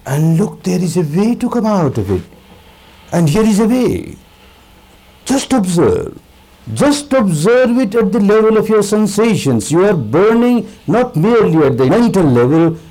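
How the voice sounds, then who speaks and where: A man giving a spiritual discourse as a meditation teacher, speaking deliberately with emphatic repetition and pauses. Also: high voice, very animated, mellow, low-quality recording.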